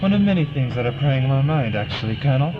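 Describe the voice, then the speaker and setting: An actor playing an eccentric, fussy time traveller in an audio drama, with a theatrical, whimsical manner. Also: male voice, medium pitch, animated, fast talker, close to an everyday voice. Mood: pondering. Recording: dull lo-fi audio drama, loud music underneath.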